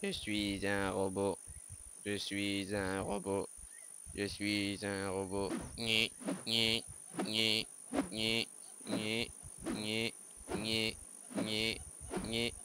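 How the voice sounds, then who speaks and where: A man putting on a slow, monotone robot voice for a gaming video, repeating syllables mechanically. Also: fairly low pitch, noisy background. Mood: droning. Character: slow droning male robot. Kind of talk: gaming video outro joke.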